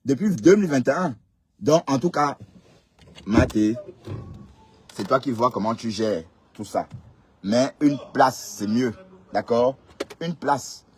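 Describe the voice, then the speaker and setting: A man's voice: medium pitch, expressive, slow pace, long pauses, a little hiss or hum. A man hosting a live stream, commenting casually and emphatically, repeating phrases and checking that listeners agree. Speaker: livestream host.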